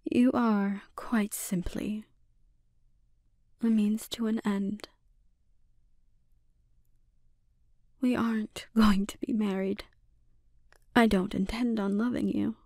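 A woman playing a menacing, condescending, dominant witch in a breathy, often whispered ASMR roleplay. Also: mid-range voice, darkish tone, no echo, clean studio sound. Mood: cold, controlled. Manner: slow, deliberate, condescending.

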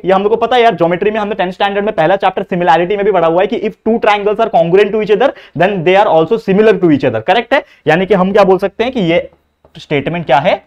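A young male maths tutor from India with a fairly high voice, talking quickly through an exam-prep lesson. He keeps turning to the students with rhetorical questions and slips between Hindi and English as he explains each problem. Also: a little mellow.

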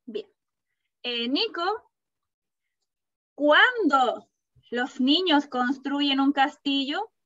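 Kindergarten teacher lady, high voice, slow and encouraging, muffled video call sound. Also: lively intonation, fairly bright tone, no room sound. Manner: slow, patient, encouraging questioning. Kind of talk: online class with young children.

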